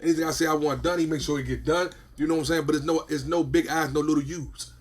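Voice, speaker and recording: A man's voice: a little high, fairly even intonation, fast. A man, a podcast host chatting casually and emphatically, often repeating "you feel what I'm saying". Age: 40s. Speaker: podcast host and business owner.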